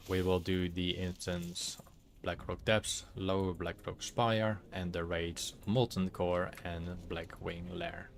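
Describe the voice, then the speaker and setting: A Dutch-accented streamer gives casual commentary on his gameplay at a relaxed pace, often pausing as he hunts for words. His low voice is halting and full of fillers, with a faint hiss behind it.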